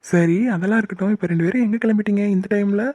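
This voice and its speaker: A woman voicing a quick-tempered young wife in a cartoon, huffy and sharp-tongued. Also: mid-range voice, fairly even intonation, no echo, natural voice. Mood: calm. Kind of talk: cartoon voice acting.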